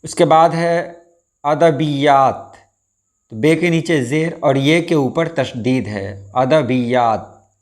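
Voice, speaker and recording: A man teaching Urdu pronunciation, saying each word and then patiently spelling out its vowel marks. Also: on the high side. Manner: measured, stresses each word before spelling out its diacritics. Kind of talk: slow explanatory lesson.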